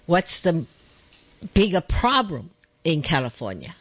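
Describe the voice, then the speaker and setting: A woman co-hosting a radio interview, asking questions slowly and lively. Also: sits low, husky, dry recording, muffled recording. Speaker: radio co-host.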